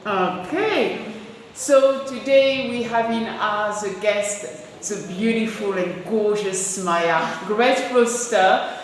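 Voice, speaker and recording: A woman hosting an interview, praising her guest and setting out her questions slowly and deliberately. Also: medium pitch. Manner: warm, praising, slow and deliberate. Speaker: interview host. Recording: very echoey room with faint noise.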